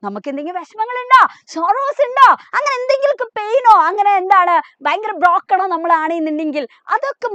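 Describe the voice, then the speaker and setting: A woman's voice: high-pitched, a bit bright, dry recording, muffled recording. A woman teacher, giving an exam revision lesson, asking questions and answering them herself, mixing in English terms.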